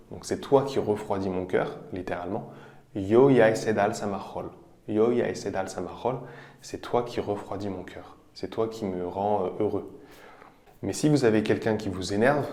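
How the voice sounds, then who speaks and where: A man teaching vocabulary, explaining each example patiently and repeating phrases slowly. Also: lowish voice, a little mellow. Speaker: language teacher. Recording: roomy echo.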